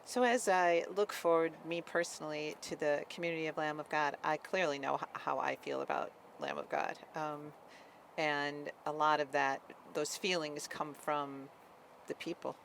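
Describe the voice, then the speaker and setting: A woman pastor hosting a relaxed interview, speaking in a measured way and thanking her guests. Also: low-pitched, creaky, slight background noise. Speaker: pastor and host. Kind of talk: casual interview chat.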